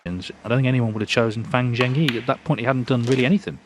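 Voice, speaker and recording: A man giving measured, analytical snooker commentary in a hushed, low-key way. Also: steady tone. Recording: noisy arena crowd behind, clicks. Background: loud snooker crowd.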